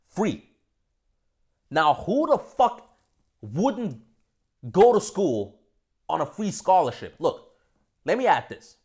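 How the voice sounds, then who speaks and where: High-pitched and breathy, this young man from Austria speaks slowly with long pauses as he vlogs directly to camera. His monologue is casual and animated, heavy on swearing, lurching from loud outbursts to quiet asides.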